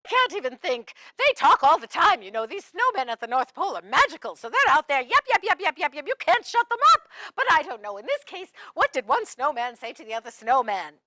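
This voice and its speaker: Woman voicing a childlike, jokey sidekick for a kids' show, eager and chatty, lively. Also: high voice, brisk, hardly any pauses, dry recording, heavily acted. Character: eager joke-telling sidekick Freddie, childlike.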